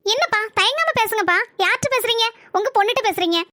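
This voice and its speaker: A woman's voice: animated, no room sound, clean studio sound, heavily acted. A woman voicing a caring, sensible young village daughter in a cartoon comedy. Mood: concerned. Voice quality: high, bright, quick.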